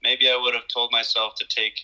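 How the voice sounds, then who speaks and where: A man in his thirties, a pro ski racer, telling stories in a relaxed casual way on a home video call, often repeating words. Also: mid-range voice, brisk, low-quality recording. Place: small room at home. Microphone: video call webcam.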